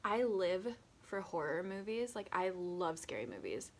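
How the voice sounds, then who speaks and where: Twenties woman, tipsy and self-mocking, low-ish voice, rambling vlog chat. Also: lively intonation, unhurried. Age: 20s. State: tipsy from drinking. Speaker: vlogger. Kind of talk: casual get-to-know-me chat.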